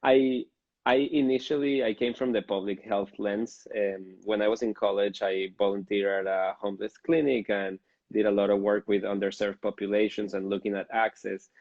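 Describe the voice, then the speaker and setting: A man from Venezuela, a physician in his thirties, gives measured interview answers. His voice sits low and gravelly with little rise and fall. The sound is dull and lo-fi with no room echo. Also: steady tone, a little mellow. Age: 30s. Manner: thoughtful, measured explaining with fillers. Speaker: fertility doctor, guest.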